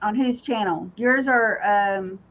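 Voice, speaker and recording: A woman's voice: medium pitch, slow, fairly bright tone. A woman co-hosting a casual livestream chat, teasing and laughing easily. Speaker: co-host. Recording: dull lo-fi stream audio.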